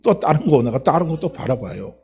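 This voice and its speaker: A male pastor delivering a Sunday sermon, swinging between hushed low lines and loud emphatic exclamations. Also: sing-song, fast, creaky. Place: church sanctuary.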